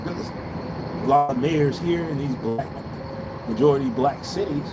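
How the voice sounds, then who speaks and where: An American man's somewhat high voice keeps a measured pace as he hosts a livestream from an urban balcony. The talk is a casual political rant, blunt, profane and repetitive for emphasis, set against loud outdoor traffic and street sounds.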